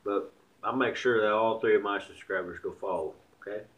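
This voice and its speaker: A man's voice: lowish voice, brisk, dull audio. A young man with a slight Southern country accent, rambling bluntly and swearing in a casual vlog rant. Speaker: vlogger.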